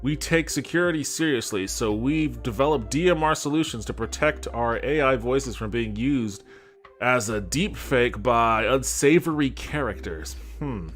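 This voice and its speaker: A podcast host offers casual, critical commentary, reading web copy aloud in a skeptical, sarcastic way. His medium-pitched voice has lively intonation and an unhurried pace, with background music playing.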